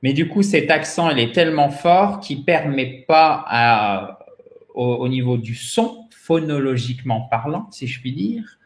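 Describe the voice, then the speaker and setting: A native French speaker leads an interactive English pronunciation lesson as host, explaining things didactically and talking straight to his learners. His voice sits in the mid range, with lively intonation and a measured pace. The room has an echo.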